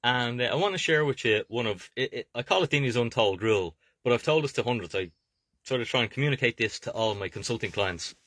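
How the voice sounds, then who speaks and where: A man's voice: mid-range voice, lively intonation, quick pace, a bit bright, dry recording. An Irish man giving informal, motivational investment advice to viewers as a coach and video host, emphatic and often checking that listeners follow. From Ireland. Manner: emphatic, repeatedly checking with "okay?". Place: inside a camper van.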